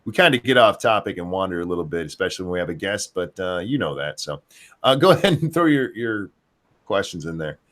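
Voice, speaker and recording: A man's voice: sits low, very animated, fast, fairly bright tone. A man hosting a live stream in casual chat, reading out viewer comments with blunt, sardonic swearing.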